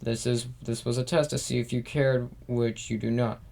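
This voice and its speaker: A man's voice: medium pitch, little pitch movement, moderate pace, gravelly, darkish tone, close to an everyday voice. A man reading out the messages of a cold, manipulative older grandmother in a plain, barely acted voice.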